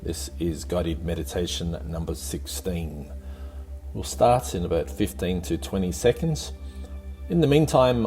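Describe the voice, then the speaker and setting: Sitting low in pitch, a man guides a meditation, offering calm, unhurried instructions with soothing, gentle encouragement.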